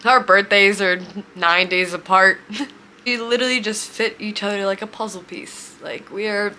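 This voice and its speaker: A woman in her twenties telling a heartfelt personal story, emotional and near tears, speaking haltingly. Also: mid-range voice, pushed and bright. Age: 20s. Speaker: vlogger.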